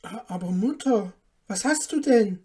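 A woman's voice: medium pitch, slow, warm tone, breathy edge. A woman voicing a frightened, pleading young boy in a read-aloud fairy tale. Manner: pleading, anxious. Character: timid bewildered young boy turned dwarf. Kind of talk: storybook reading.

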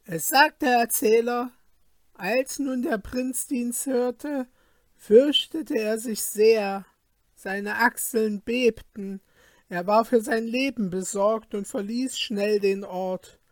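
An audiobook narrator reads an old fairy tale in a slow, measured storytelling voice. The recording is close and dry, with no room sound. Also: mid-range voice, dry recording.

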